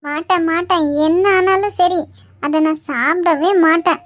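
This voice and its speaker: A woman's voice: extremely high pitch, unhurried, no room sound. A woman doing a fussy, stubborn mother-in-law. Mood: whiny protest. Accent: Kanyakumari Tamil. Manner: whiny, protesting, dramatic. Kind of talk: cartoon voice acting.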